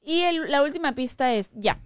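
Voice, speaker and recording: Una mujer con acento peruano que cuenta una anécdota personal de forma animada, con muchas muletillas y frases que retoma, en una charla casual de pódcast. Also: female voice, high voice, moderate pace, no echo, clean studio sound. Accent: Peruvian Spanish. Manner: animated rambling storytelling, restarts and fillers. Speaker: podcast co-host telling a personal story. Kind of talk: casual chat.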